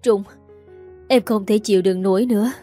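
A woman's voice: medium pitch, steady tone, normal speed, dark tone, soft background music, lightly acted. A woman voicing a frantic, grieving young woman who pleads through tears. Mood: distraught. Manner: pleading, tearful, breathless.

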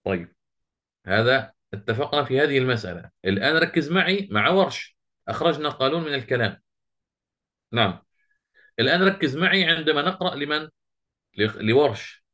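A man teaching a Quran recitation lesson, quizzing his students and chanting the verses he quotes slowly. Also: mid-range voice, animated, bright, forceful tone.

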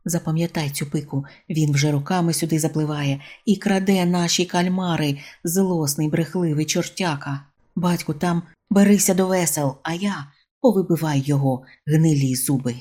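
Gruff fisherman dad barking orders, read by a woman; low, husky storybook read. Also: moderate pace, mellow. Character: gruff middle-aged fisherman father.

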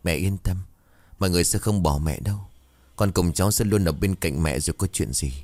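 A man reading a gentle young widow. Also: deep voice, a little fast, no room sound. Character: grieving young widowed daughter-in-law.

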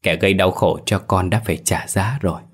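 A man's voice: low voice, brisk, fairly bright tone. A man voicing a young woman's vengeful ghost who speaks coldly and accusingly. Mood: tender farewell. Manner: cold, accusing. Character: vengeful young female ghost, cold and bitter. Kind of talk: storytelling dialogue.

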